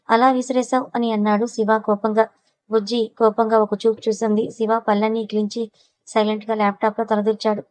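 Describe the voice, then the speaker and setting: A woman's voice: medium pitch, darkish tone, no echo, poor audio. A woman narrating a serialized audiobook story with a Telugu accent, reading every character's lines with little change of voice.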